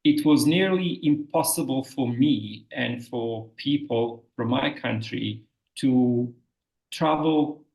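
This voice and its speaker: A man from Bosnia, a guest researcher in an interview, speaking thoughtfully and haltingly, with frequent restarts. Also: mid-range voice, creaky, darkish tone, echoey room, poor audio. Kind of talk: interview talk.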